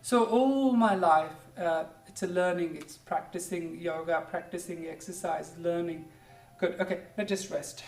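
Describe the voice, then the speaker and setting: With a measured pace and a mid-range voice, an instructor in their forties from India, whose native tongue is Hindi or Punjabi, guides a yoga class in accented English as a second language. They offer gentle encouragement, simple cues said again and again, a pep talk, and lots of "good." Faint music plays in an echoey room recorded from a distance.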